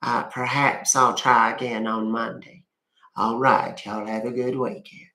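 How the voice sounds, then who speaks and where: A man's voice: medium pitch, little pitch movement, a little slow, bright, forceful tone. A man putting on a woman caller who leaves a hesitant, polite voicemail. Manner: hesitant, polite, plain-spoken. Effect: leaving a voicemail. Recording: roomy echoing room.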